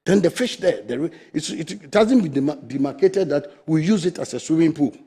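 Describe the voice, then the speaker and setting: A middle-aged Ghanaian man who heads a fisheries association appears as a guest on a TV studio discussion, arguing his case forcefully and emphatically. His voice is fairly high and animated, with a breathy edge, and he speaks fairly quickly.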